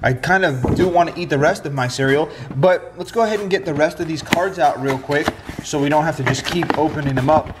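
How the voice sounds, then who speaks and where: Stuffy-nosed man, higher-pitched, chatty vlogger. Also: fairly quick, very noisy. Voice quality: stuffy, nasal sound after nose surgery. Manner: chatty, addresses viewers as guys, repeats phrases. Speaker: host of a card pack opening channel. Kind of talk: casual vlog commentary. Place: home kitchen indoors. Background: background music.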